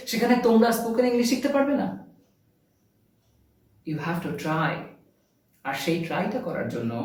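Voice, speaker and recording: A man's voice: high voice, far from the mic. Male English teacher with a Bengali accent and a raised voice, set back from the mic in a very echoey room. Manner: slow, stressed English phrases mixed with quick Bengali explanations. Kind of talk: spoken English lesson on video.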